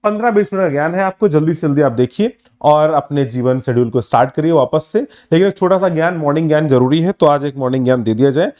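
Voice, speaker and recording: A man teaching a live online class, speaking emphatically with drawn-out words and pauses, mixing English terms in and addressing students as friends. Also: on the high side, a little mellow. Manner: mixes English words into the talk. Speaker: online exam-prep teacher.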